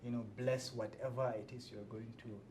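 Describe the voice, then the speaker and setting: A man giving casual answers as an interview guest, halting and pausing mid-phrase. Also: level tone, darkish tone. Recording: clearly rumbly background noise.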